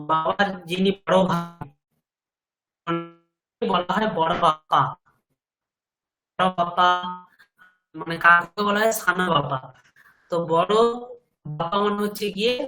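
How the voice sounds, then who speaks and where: A man's voice: sits high, bright, forceful tone, low-quality recording. A male teacher explaining a lesson over an online call whose audio keeps cutting out and stuttering, often checking that his listeners follow. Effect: audio breaking up like a buffering call connection. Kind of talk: online class lecture.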